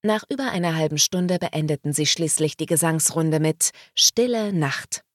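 A woman reading a novel aloud as audiobook narrator, in slow, even storytelling. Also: low-pitched, no room sound, studio quality.

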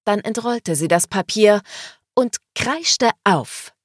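Woman reading an audiobook, real slow, lowish voice, dry close mic. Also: lively intonation, no room sound. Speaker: narrator. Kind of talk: audiobook narration.

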